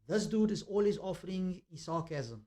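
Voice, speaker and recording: Preachy male commentator, slightly high voice. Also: expressive, normal speed, a little mellow. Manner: preachy, repetitive, with many fillers. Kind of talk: reaction commentary monologue.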